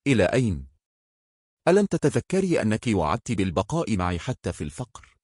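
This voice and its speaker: A man's voice: lowish voice, big pitch swings, fairly quick, a little mellow, breathy edge, no room sound, clean studio sound. A man voicing a desperate young husband bent on revenge in a storybook horror tale, pleading and defiant.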